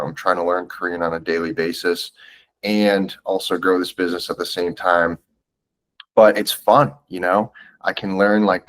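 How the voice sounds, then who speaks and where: A man in his twenties from the United States, with a low, slightly bright voice, is a guest on a podcast in a casual interview chat. He comes across as earnest and reflective, speaking loosely with plenty of filler, and the recording is rough.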